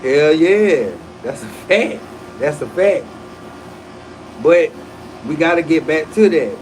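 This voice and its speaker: A man in his forties rambling through a casual livestream, his voice sitting a little high for a man. He talks in loose, profane slang, often restarting his sentences mid-thought. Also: animated, slow, a little mellow, slight background noise, poor audio. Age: 40s. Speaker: livestream host.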